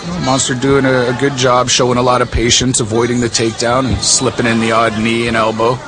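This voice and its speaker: A man's voice: mid-range voice, monotone, fairly quick, a crowd in the background, poor audio. A man giving casual, colloquial live fight commentary. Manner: colloquial, conversational. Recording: loud music behind commentary.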